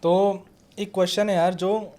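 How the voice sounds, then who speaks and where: A male podcast co-host with a high voice eases casually into a question. His delivery is relaxed and chatty. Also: measured pace.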